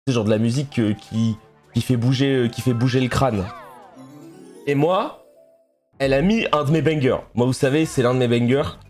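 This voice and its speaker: A man's voice: medium pitch, normal speed, darkish tone, faint music behind. Chatty young French man streaming. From France. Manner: chatty, storytelling, laughs often. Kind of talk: casual live-stream chat while gaming.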